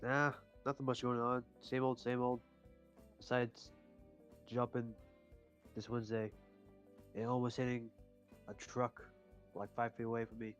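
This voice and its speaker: A man's voice: mid-range voice, level tone, measured pace, long pauses, soft background music. A laid-back man gives short, casual answers in a podcast chat. His voice sits in a middle range. It comes through a dull, lo-fi microphone. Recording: dull lo-fi mic.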